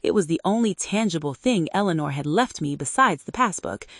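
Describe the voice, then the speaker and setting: A woman reads a dramatic story in measured, steady sentences. Her voice sits on the low side, and the recording is dry and close to the mic. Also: no echo. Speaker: narrator. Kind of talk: scripted dramatic narration.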